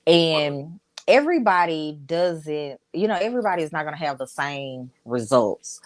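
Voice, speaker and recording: A Dallas business owner with a Texas accent and a deep, animated voice chats candidly as a guest on a casual podcast. She tells stories at a normal speed, sprinkling in fillers, with no echo in the recording.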